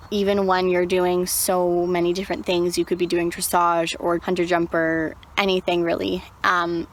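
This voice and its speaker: Slightly low-voiced woman giving a personal recap. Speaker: horse rider. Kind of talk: personal recap of a riding clinic.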